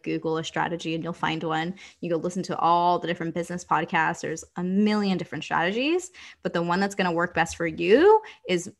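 Upbeat woman coach, a bit low-pitched. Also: a bit bright. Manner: enthusiastic, repetitive, uses "like" and "okay" often. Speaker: business coach. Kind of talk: motivational teaching monologue.

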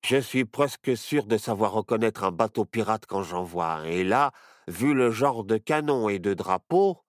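A man's voice: on the low side, expressive, unhurried, no room sound, studio quality. A man voicing a timid, hesitant young boy in a children's storybook, stammering and unsure. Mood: nervous.

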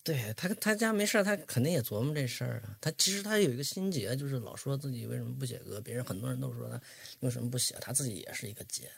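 Gravelly-voiced man recalling a friend. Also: medium pitch, lively intonation, dry recording. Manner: halting, with many restarts. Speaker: guest, documentary maker. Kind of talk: casual recollection.

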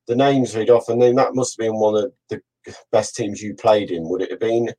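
A man's voice: fairly low pitch, steady tone, a little fast, dark tone, rough recording. A man interviewing a former player, asking questions in a casual, friendly way.

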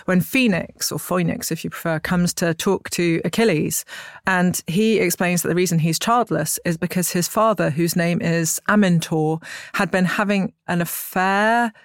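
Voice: mid-range voice, moderate pace, dry recording, studio quality. An expert guest explaining things conversationally in an articulate, discursive way, full of asides. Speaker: expert guest on Greek myth.

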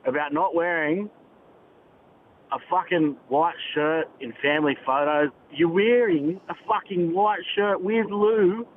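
A man's voice: measured pace, phone-quality sound. An Australian man leaving a casual, sweary rant as a voice message. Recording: noisy rumbling voice message.

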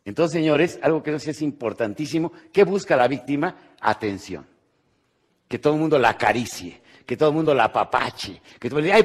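A Mexican man giving a live motivational talk to an audience, joking and asking rhetorical questions, his voice jumping from loud bursts to quiet asides. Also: mid-range voice, slightly rough. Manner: jokey, rhetorical, checks in with "¿sí?". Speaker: motivational speaker. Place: conference hall with live audience.

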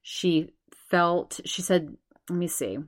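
A woman in her forties runs a solo podcast, her voice fairly low and her pace slow. Talking straight to her subscribers, she rambles in a chatty, animated way.

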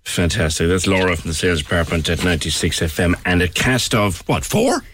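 Irish guy doing radio interviews, chatty banter, really animated pitch. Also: brisk, noisy background. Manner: bantering, colloquial. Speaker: radio host. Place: radio studio.

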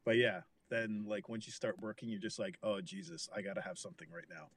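A man in his thirties from the United States talks in an easygoing, joking way, with a fairly low voice. A faint hiss of background noise sits under his speech. The conversation feels relaxed. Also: a little fast. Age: 30s. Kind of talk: casual chat.

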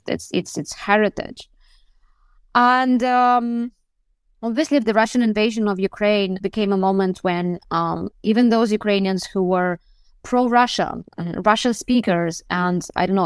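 Over a remote call with no room sound, a foreign correspondent guest on a news podcast works through her answer in a searching, reflective way, often starting over. She speaks in a mid-range voice.

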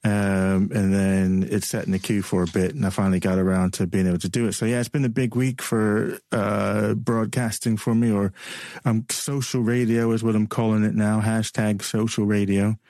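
Male radio host with a lowish voice and a transatlantic accent, rambling and chatty, dry close sound. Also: little pitch movement, moderate pace, a little mellow, no echo. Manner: chatty, rambling, laughs often. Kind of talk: casual on-air banter.

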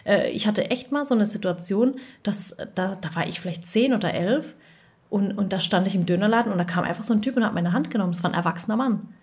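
A woman in her thirties, a dubbing voice actress and mother, chatting casually and telling lively stories with acted-out quotes. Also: medium pitch, fast. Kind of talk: casual chat.

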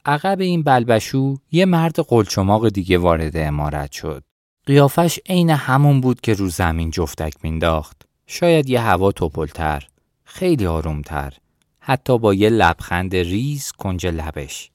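A man reading a novel aloud in the first person, in a steady storytelling manner. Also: low voice, dry recording, clean studio sound. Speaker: audiobook narrator.

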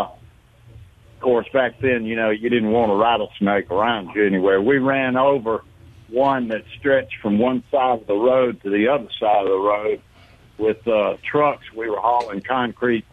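A man's voice: mid-range voice, unhurried. A man calls in to a radio show over the phone, speaking in a folksy, hesitant way with many fillers. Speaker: radio call-in caller. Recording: narrow telephone line.

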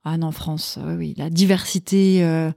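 A woman's voice: sits low, measured pace, gravelly, dry recording, clean studio sound. A middle-aged woman from Sweden, a podcast guest and cookbook author, chatting casually and with enthusiasm. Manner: enthusiastic, animated storytelling. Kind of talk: casual chat.

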